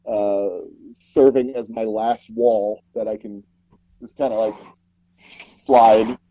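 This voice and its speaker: A sound designer and audio drama producer chats casually as an interview guest, speaking slowly in a fairly low voice. His storytelling is animated but rambling, peppered with "like" and repeated false starts. The sound is very dry, close and a bit dull, with no room sound, as from a foam-padded closet booth.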